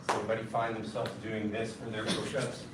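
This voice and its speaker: A man leading a martial arts class through exercise drills, calling out loud counts and commands, then explaining each move calmly. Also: lowish voice, a little fast. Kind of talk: leading a children's fitness drill. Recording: echoey hall, distant mic, loud noise.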